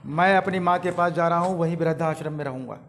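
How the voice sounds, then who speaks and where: A grieving judge, firm and resolute, voiced by a man reading a story. He lays out his decisions in a plain, slightly high voice. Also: fast, a bit bright, a little hiss or hum.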